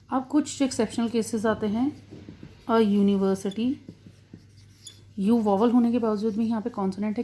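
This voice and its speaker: A woman teaching English grammar, drawing out example words slowly to stress their sounds. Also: mid-range voice, warm tone. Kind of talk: classroom-style grammar lesson.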